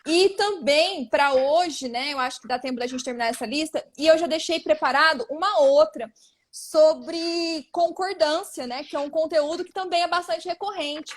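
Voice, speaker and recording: A woman's voice: high voice, normal speed. A woman from southern Brazil with a southern Brazilian accent, a Portuguese teacher chatting through a live exam-prep lesson and explaining step by step.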